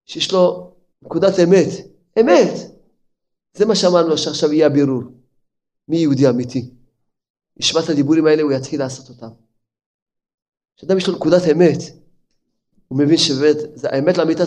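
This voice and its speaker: A man, an older rabbi, delivering an impassioned sermon, his voice leaping up in sudden outbursts and falling to low, quiet asides. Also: pauses often. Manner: impassioned, with sudden pitch leaps and drops to near murmur.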